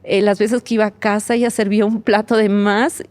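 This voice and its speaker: A woman's voice: medium pitch, level tone, a little fast, a little mellow, no room sound. A woman speaks as a guest on an interview podcast, telling her testimony of faith. She talks with heartfelt emotion, acts out what others said to her, and laughs nervously between phrases. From Bolivia.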